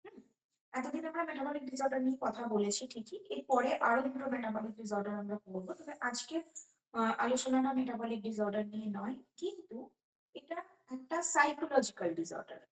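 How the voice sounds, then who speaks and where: A woman's voice: a little high, animated, a little fast, distant mic. A woman teaching an online class, explaining step by step and putting questions to her students, her voice carrying a heavy echo over the call. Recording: echoey online class audio.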